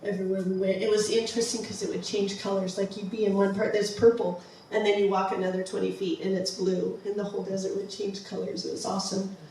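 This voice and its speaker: A woman's voice: mid-range voice, level tone, quick pace, few pauses, mellow, a little hiss or hum. A woman giving a casual, enthusiastic slideshow talk, with many ums and restarts. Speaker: presenter of a travel slideshow. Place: museum presentation room. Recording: far-off mic in a very echoey room.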